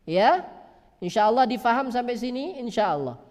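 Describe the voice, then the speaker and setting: A man teaching Quran recitation, who asks questions and answers them himself and draws out sounds slowly to demonstrate them. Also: extremely high pitch, sing-song, a little mellow. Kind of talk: religious lesson on pronunciation. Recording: long hall reverb.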